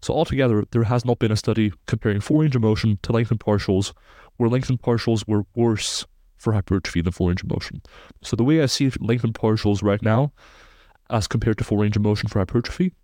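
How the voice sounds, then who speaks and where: A Belgian sports science researcher in his twenties appears as a podcast guest, explaining studies in precise, technical terms. His voice is fairly low and dark, and he speaks briskly. The studio recording is clean with no echo.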